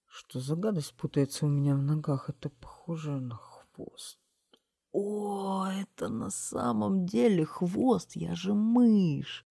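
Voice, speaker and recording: A woman voicing a pompous male mayor who has been turned into a small mouse, squeaking and giving orders. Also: slow, gravelly, mellow, slightly rough, full character voice. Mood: groggy. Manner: squeaky, indignant, commanding.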